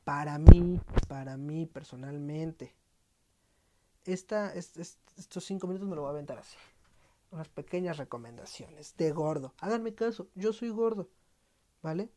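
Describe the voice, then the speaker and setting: A man's voice: a little high, normal speed, background noise. A man with a central Mexican accent hosting a podcast as a casual monologue, slangy and profane, with playful mock-dramatic outbursts. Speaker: podcast host.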